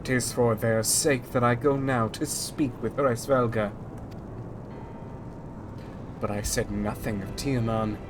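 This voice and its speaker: A man's voice: medium pitch, steady tone, slow pace, pauses often, noisy background, close to an everyday voice. Man playing a grim, proud dragon-slayer knight. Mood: grim defiance. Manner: stern, formal, archaic.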